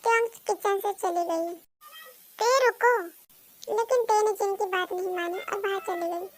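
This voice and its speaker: A woman's voice: extremely high pitch, fairly even intonation, normal speed, darkish tone, low-quality recording. A woman reading a storybook, voicing a caring, bossy older sister-in-law with a firm, motherly manner. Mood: scolding.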